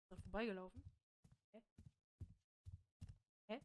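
A woman's voice: medium pitch, measured pace. A woman doing playful gameplay commentary as a streamer, reacting aloud and translating dialogue, close to a desk mic. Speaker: game streamer. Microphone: desk microphone close to mouth, headset on.

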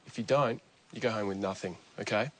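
A man's voice: fairly low pitch, brisk, fairly bright tone. An Australian man in his thirties giving direct, instructional challenge briefings to reality-show contestants outdoors. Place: outdoors beside a bush lake.

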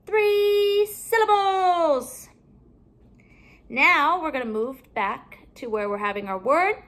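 A woman teaching a phonics lesson to young children from home, saying each word slowly and with careful, stretched-out enunciation. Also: fairly high pitch, expressive, sharp tone.

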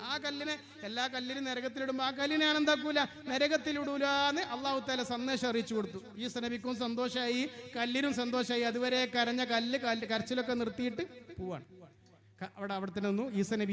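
A male preacher telling a story in a Ramadan sermon, emphatic, slowing down to chant Arabic phrases. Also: very high-pitched, fairly even intonation, a bit bright.

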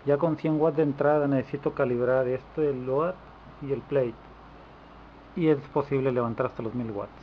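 In dull lo-fi audio with clear background noise from a handheld camera microphone, a man gives an informal indoor repair demonstration. His voice is medium-pitched with fairly even intonation and a moderate pace.

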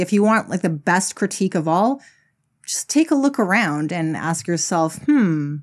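A woman talks through her video essay in a fairly low voice. She is casual and blunt, and she drops frequent swear words and sarcastic asides.

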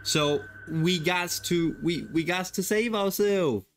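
Male reaction host, higher voice, slow drawling delivery, light hiss behind. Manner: animated, slangy, talks back to the story. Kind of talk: casual reaction commentary.

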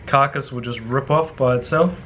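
At a moderate pace and with a fairly bright tone, a young New Zealand cooking vlogger chats his way through a recipe at home. He's slangy, swears offhand and frequently mutters low, over slight background noise.

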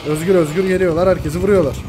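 A man commentating his own shooter gameplay, excitable, swearing and shouting at his teammates. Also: high voice, very fast, background noise. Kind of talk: live gaming commentary.

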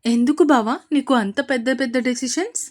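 A man's voice: very high voice, a little fast. A woman voicing a cheeky young man who teases and dodges his angry friend in a romance story. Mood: pleading. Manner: pleading, cheeky. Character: playful young man, teasing friend, dodging.

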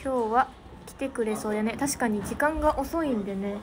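Teenage girl, from Niigata, casual livestream chat, thanks viewers, slightly high voice, noisy audio. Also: normal speed. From Niigata, Japan. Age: teens. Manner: chatty, reads out viewer comments and thanks them. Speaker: idol livestream host.

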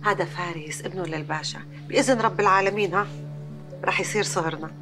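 A woman's voice: fairly low pitch, quick pace, lightly acted. An actress with a Levantine Arabic accent playing a pushy, scolding mother who insists her daughter marry. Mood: insistent. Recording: music bed under the voice.

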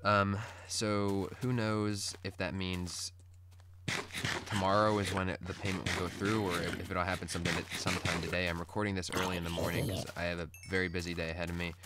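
A gaming video host with a low, flat morning voice chats briskly in a casual Let's Play update, rambling and laid-back. Recorded through screen-capture software, the audio is poor and carries background noise.

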